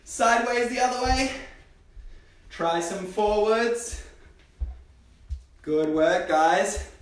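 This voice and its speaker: A man's voice: high-pitched, takes it slowly. A man coaching a children's gymnastics class in a live stream, cheering the kids on with upbeat encouragement, heard from across a gym. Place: gym hall. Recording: roomy echo, distant from mic.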